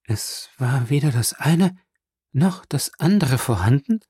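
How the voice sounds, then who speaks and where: A man reading a frightened, grieving noblewoman in an audiobook, pleading and rising in pitch. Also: a little slow, darkish tone, no room sound, clean studio sound, close to an everyday voice. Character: anguished middle-aged noblewoman, frightened and grieving.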